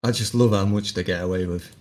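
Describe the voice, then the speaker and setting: A low-voiced, fast-talking man co-hosts a podcast, casually retelling stories in a relaxed way with plenty of ums and other fillers.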